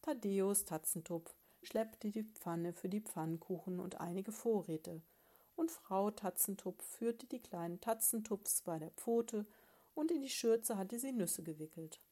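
Woman, storyteller, children's story read aloud, calm, even. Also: mid-range voice, a little slow.

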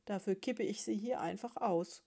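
A woman doing a cross, shouting father bear. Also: mid-range voice, normal speed, natural voice. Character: grumpy inventor father bear, quick-tempered.

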